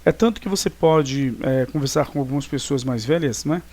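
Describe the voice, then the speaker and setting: A man with a Brazilian Portuguese accent teaches a recorded grammar lesson, explaining things and checking in with the class often through frequent tag questions. His voice sits in the mid-range, with a darkish tone and a moderate pace.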